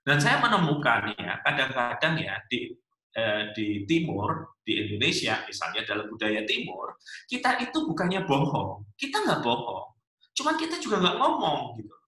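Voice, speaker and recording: A male pastor giving a humorous sermon at a couples' webinar, telling stories in an animated way with many rhetorical asides. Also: medium pitch, moderate pace, echoey room.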